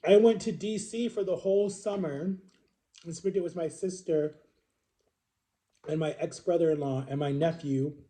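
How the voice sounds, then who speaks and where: Speaking at a normal speed with long pauses, a vlogger in his thirties chats to his audience as though they were friends. He has a slightly high yet very dark, relaxed tone, and his rambling stories circle back for corrections and repeated, emphatic words.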